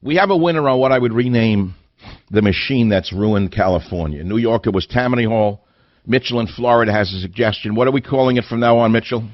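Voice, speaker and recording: A man's voice: medium pitch, a little fast, no room sound, highs cut off. An older man hosting a radio talk show, delivering an indignant monologue full of hammering rhetorical questions. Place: radio studio.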